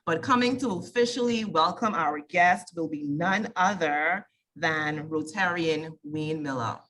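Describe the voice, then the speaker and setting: A woman with a lowish, bright, forceful voice introduces each speaker in turn. She keeps her introductions smooth and measured. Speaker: meeting emcee.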